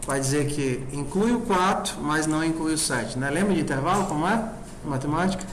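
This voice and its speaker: In a classroom with roomy acoustics and faint noise, a man teaches programming in a fairly high, fairly quick voice. His lecture style is informal. He keeps asking the class check questions to make sure they're following.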